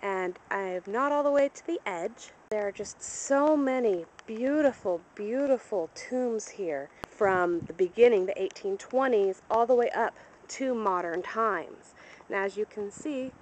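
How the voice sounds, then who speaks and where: A woman's voice: mid-range voice, a little mellow, slight background noise, poor audio. A woman narrating a guided tour as she walks outdoors through a cemetery, recorded on a handheld camera. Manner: informative, walking and pointing things out. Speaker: travel vlogger. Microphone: handheld camera mic.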